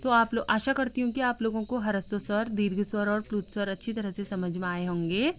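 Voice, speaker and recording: A woman teaching a grammar lesson in a patient classroom manner, repeating points, asking checking questions and drawing out vowel sounds slowly to show them. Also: medium pitch, fairly even intonation. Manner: draws out vowel sounds slowly when demonstrating.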